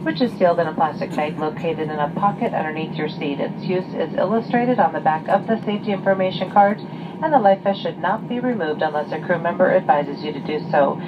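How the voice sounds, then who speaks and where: A woman's voice: lowish voice, brisk. A flight attendant, a woman, reading a formal safety announcement over the airplane cabin PA. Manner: scripted, formal. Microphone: camera in passenger seat. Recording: distant lo-fi cabin recording, loud engine noise. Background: loud aircraft engine hum.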